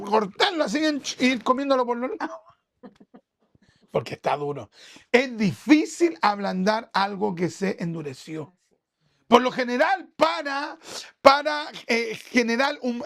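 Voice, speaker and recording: A Chilean man preaching to a congregation, his voice rough with gravel. He keeps it conversational and checks in with his listeners through question after question. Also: very high voice, fairly bright tone. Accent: Chilean Spanish. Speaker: pastor. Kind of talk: sermon.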